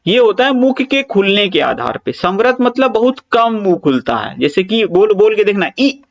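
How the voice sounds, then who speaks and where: Very animated and gravelly, this high male voice moves at a moderate pace, and the recording has its highs cut off. He leads a Hindi grammar class aimed at exams, explaining with patience, repeating the important points, and elongating example vowels. He drops in casual words of reassurance.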